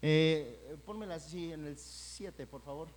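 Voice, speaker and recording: High-voiced preaching man in an echoing church. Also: measured pace. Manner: conversational preaching that builds to loud emphatic peaks. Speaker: pastor. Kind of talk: sermon. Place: church sanctuary. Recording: church hall with long reverb.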